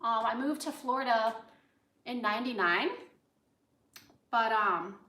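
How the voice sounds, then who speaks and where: Speaking a little slowly in a higher register with a sharp edge, a woman hosts a cooking livestream. She's a chef from the United States who grew up in Los Angeles, and she rambles casually with side comments as she works, in a reverberant indoor room.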